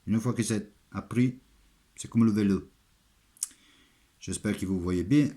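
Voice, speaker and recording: An Italian man speaking French with a foreign, Italian accent, giving a halting, step-by-step hands-on craft demonstration in simple, repeated phrases. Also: on the low side, dark tone. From Italy. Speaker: armourer giving a craft tutorial.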